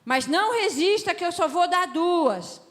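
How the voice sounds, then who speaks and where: A woman voicing her small grandson, who sternly plays the parent in slow, quiet words. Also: very high voice, lively intonation, pitched above the performer's own voice, full character voice. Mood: mock-stern. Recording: long hall reverb.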